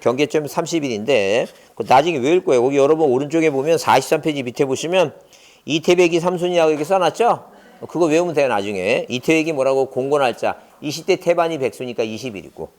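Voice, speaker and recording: A man's voice: on the high side, fast. A middle-aged man giving an exam-prep lecture, constantly quizzing his students with rhetorical questions and drilling memory tricks. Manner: mnemonic chanting, lively delivery.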